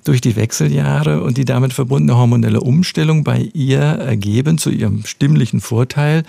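A male professor and speech scientist answers interview questions as an expert, explaining things in a measured, precise manner. His medium-pitched voice is heavily gravelly and creaky, with a dark, mellow tone. The recording is dry and close, with no echo.

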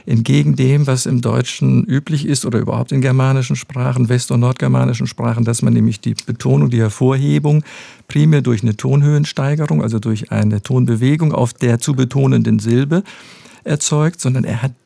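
A male professor with a heavily gravelly, creaky voice explains things in a measured, precise way. His tone is dark and mellow, and the recording is dry and close. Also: mid-range voice, steady tone, no echo. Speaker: speech scientist, professor. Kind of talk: expert interview answers.

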